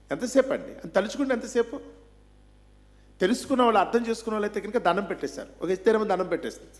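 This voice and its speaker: A man preaching a Bible seminar sermon, pressing his listeners with one rhetorical question after another. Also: very high-pitched.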